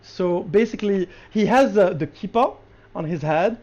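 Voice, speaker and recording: A podcast co-host reviewing a show in casual chat, excited and quick, with many restarts. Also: mid-range voice. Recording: lo-fi podcast audio.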